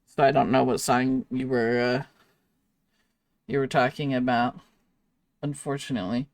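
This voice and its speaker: A woman's voice: extremely low pitch, little pitch movement, normal speed, a little mellow, dry recording. A woman streamer chatting casually with her viewers while she draws, often breaking into giggles. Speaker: live streamer drawing art. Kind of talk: casual live-stream chat.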